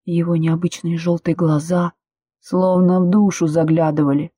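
A woman narrating a first-person audiobook in a steady, intimate storytelling way. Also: on the low side, moderate pace, husky, dry recording.

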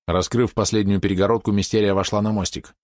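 A male narrator reading a science-fiction story aloud at a steady pace. His voice is low. The recording is dry and close. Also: quick pace, no room sound. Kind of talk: audiobook narration.

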